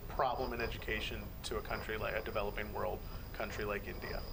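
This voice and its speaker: A man's voice: fairly low pitch, level tone, fast talker, vocal fry, noisy background. A man hosting an interview, asking long, conversational, rambling questions. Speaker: interview host, educator.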